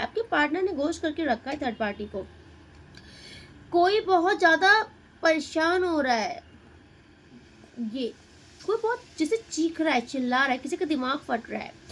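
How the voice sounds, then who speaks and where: High-voiced woman giving a tarot reading. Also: slight background noise, poor audio. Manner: Hindi-English mix, addresses viewer directly, muses over cards. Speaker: tarot reader.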